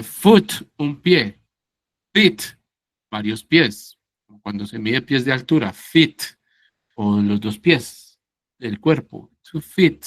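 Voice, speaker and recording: Slow, patient male English teacher. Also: mid-range voice, a bit bright, dry recording. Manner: slow, patient, checks understanding with "¿sí?" and "¿cierto?". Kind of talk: online class explanation.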